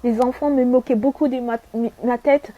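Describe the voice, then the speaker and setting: A woman's voice: on the high side, steady tone, normal speed, no room sound, narrow, tinny audio. A young adult woman who grew up in Saudi Arabia, giving an earnest, emphatic personal testimony with repeated phrases and rhetorical questions.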